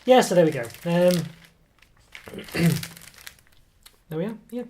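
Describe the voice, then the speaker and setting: Sitting at an indoor table, a food reviewer with a cold casually reviews a snack, his voice fading in and out. He speaks slowly in a high-pitched, expressive, warm voice, rambling and hesitating with lots of fillers and self-corrections. The table camera mic adds a little hiss or hum.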